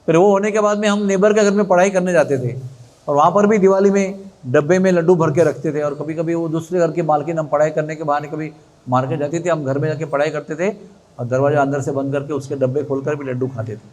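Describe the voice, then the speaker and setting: A man telling a devotional story as a sermon, animated and chatty, with asides to his listeners. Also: on the high side, quick pace. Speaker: religious storyteller.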